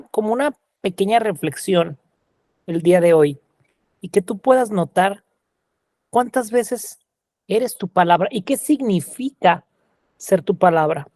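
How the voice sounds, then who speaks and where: A man facilitating a coaching workshop, asking slow, reflective questions. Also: high voice, a little mellow, no echo.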